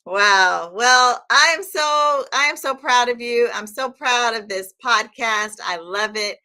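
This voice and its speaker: A woman in her fifties hosting a podcast interview, effusive and quick to laugh. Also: on the high side. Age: 50s. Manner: warm, effusive, laughs often. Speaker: podcast host. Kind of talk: casual interview chat.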